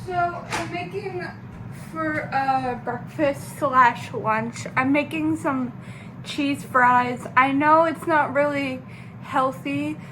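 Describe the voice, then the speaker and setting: A young woman vlogging casually, rambling in a halting way with many fillers and restarts. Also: sits high, background noise. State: sleepy, just woke up. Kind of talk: casual personal vlog.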